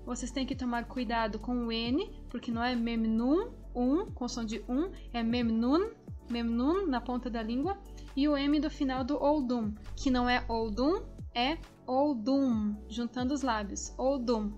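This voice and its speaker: A woman teaching a language lesson, explaining steadily and then sounding out words slowly, syllable by syllable. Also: fairly high pitch, darkish tone, highs cut off, faint music behind.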